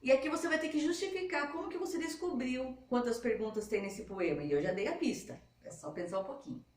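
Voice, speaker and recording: A woman's voice: sits high, expressive, a little fast, darkish tone. Patient woman teacher in an echoey room. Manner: patient, explains step by step. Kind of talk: remote lesson for schoolchildren. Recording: echoey room, mic at a distance.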